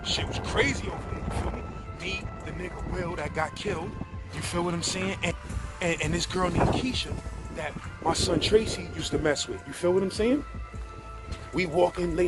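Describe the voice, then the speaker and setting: Man, new york accent, high voice, profane animated storytelling, music behind. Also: brisk. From Brownsville, Brooklyn, New York. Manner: profane, animated, keeps asking "you feel me". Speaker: guest telling prison stories. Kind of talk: casual storytelling.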